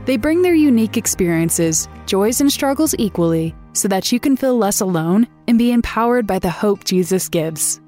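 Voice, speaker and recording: A woman's voice: mid-range voice, animated, moderate pace, few pauses. A woman host giving a scripted podcast introduction in a friendly, welcoming way. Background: soft music.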